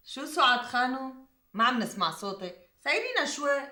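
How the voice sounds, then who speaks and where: An actress playing a sharp-tongued gossiping hostess with a Damascene accent, taunting and biting. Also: female voice, high voice, very animated, fairly quick, reverberant, heavily acted. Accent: Damascene Arabic. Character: sharp-tongued gossiping woman, provocative and mocking. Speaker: hostess of a women's gathering. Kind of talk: TV drama acting.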